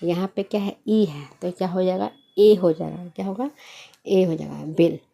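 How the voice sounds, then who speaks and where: Patient woman teaching with a low mellow voice. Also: fairly even intonation, normal speed, vocal fry. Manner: patient teaching, asks and answers her own questions. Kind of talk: basic English reading lesson.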